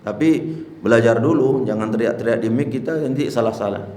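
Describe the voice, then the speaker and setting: A man's voice: medium pitch, a little fast, mellow, echoey room. A male Islamic teacher giving a religious lesson on prayer, explaining plainly and breaking into chanted demonstrations. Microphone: handheld mic.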